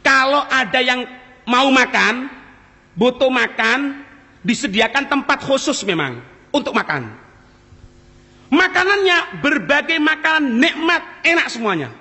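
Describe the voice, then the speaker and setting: A man's voice: very high voice, big pitch swings, a little slow, pauses often, bright, forceful tone. A man preaching a mosque sermon who quotes Arabic, explains it, repeats key phrases and speaks straight to his listeners. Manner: addresses listeners directly. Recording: echoey mosque hall.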